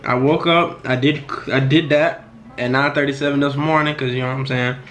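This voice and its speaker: A man's voice: mid-range voice, steady tone, brisk, a bit bright, echoey room. A twenty-year-old man vlogging at his desk in a small wood-paneled room. He talks in a laid-back, slangy way, trails off often, and keeps saying "you know what I'm saying.". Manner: subdued and reflective, trailing off. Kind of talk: casual to-camera vlog. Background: background music.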